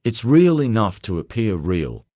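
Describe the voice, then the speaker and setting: A man voicing a calm, courteous elderly detective who asks questions softly and drops French words. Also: on the low side, measured pace, dry recording, clean studio sound. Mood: calm probing. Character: elderly male Belgian detective, calm and probing.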